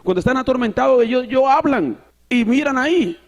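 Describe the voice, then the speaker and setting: A man with a high voice preaches a sermon. He reads the scripture out loud, repeats words and corrects himself, and drops an occasional "so" between his Spanish sentences. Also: expressive, a little fast. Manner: preaching with repetitions and self-corrections, reading scripture aloud. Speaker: pastor.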